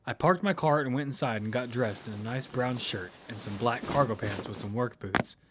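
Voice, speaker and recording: Over background music, a man narrates his own survival tale in first person, playing a determined lead who keeps things matter-of-fact. His mid-range voice sounds natural and moves at a moderate pace, with a little hiss or hum in the recording.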